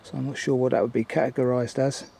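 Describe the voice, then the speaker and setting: An older man giving a casual, unhurried, observational commentary as he films a walk outdoors. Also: medium pitch, level tone, vocal fry, warm tone, slightly rough. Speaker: hiking vlogger. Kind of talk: casual walking commentary to camera. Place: outdoors on woodland and mountain trail. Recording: outdoor ambient noise.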